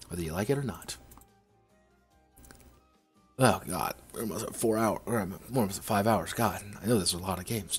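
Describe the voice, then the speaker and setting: A man's voice: lowish voice, husky. A man reviewing tabletop games on a livestream, ranting sarcastically. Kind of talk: livestream game review rant.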